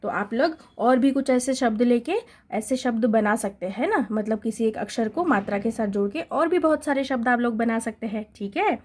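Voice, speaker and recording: A woman teaching young children a Hindi lesson, reciting syllables and words slowly and checking in with them often. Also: on the high side, darkish tone. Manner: repetitive, checks in with "है ना?" and "ठीक है?". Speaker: primary school Hindi teacher. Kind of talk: slow classroom recitation.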